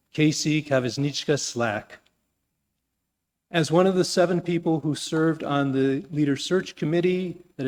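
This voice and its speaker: A man serving as Sunday officiant, giving a measured, gracious and gently humorous introduction to the congregation. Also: a little high. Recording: long hall reverb.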